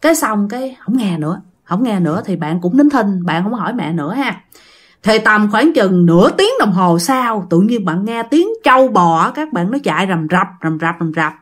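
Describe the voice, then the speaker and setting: A woman tells a ghost story in a relaxed, chatty style, speaking directly to her listeners. Her voice is mid-range and expressive, and her pace is normal.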